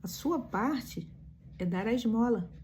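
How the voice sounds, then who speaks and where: A woman's voice: on the high side, expressive, slow, a little mellow, a little hiss or hum. A woman giving a morning devotional reflection, telling stories and asking the listeners rhetorical questions. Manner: emphatic storytelling with rhetorical questions.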